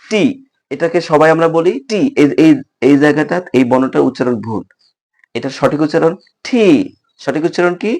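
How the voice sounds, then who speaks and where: A man's voice: a little high, brisk, a little mellow. A man teaching the alphabet and its correct pronunciation, repeating each point and quizzing the viewer. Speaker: tutor. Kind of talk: classroom lesson.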